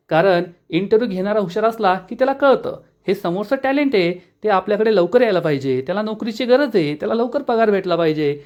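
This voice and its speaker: A man's voice: high voice, voice pushed up. A man reading the lines of a cheeky, joking young man in a retold story. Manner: playful, reassuring.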